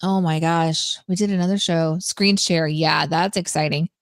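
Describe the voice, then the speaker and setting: Bubbly young woman, lowish voice. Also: fairly even intonation, normal speed, dry recording. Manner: bubbly, giggly, upbeat. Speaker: podcast co-host. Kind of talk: casual live-stream chat.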